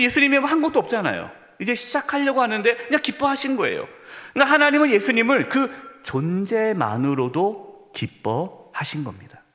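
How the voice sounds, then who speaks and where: In a church sanctuary, a pastor preaches a sermon to his congregation, addressing them directly and with emphasis. His voice is a little high, bright, and forceful, carried by the long reverb of the church hall.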